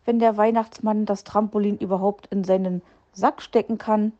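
A woman's voice: mid-range voice, level tone, normal speed, dark tone, lo-fi sound, natural voice. Woman voicing a little hedgehog child, cheeky, teasing, doubtful. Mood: chatty.

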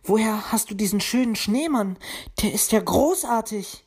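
A woman voicing a feisty, impatient young female elf in a storybook reading, with a sharp, snappy way of talking. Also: mid-range voice, expressive, normal speed, husky, voice pushed up. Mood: delighted.

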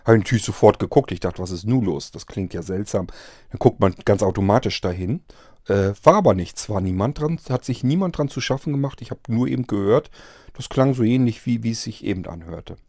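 Man, casual storyteller, hesitant and rambling, mellow tone, close dry sound. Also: on the low side, expressive, a little fast, no echo. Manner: rambling, hesitant, many fillers and restarts. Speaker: vlogger telling of a strange event. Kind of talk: casual spoken account.

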